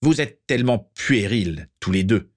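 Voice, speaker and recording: A man's voice: on the low side, normal speed, natural voice. A man reading aloud and voicing a harsh, contemptuous old patriarch who leans on a cane. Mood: furious. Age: older.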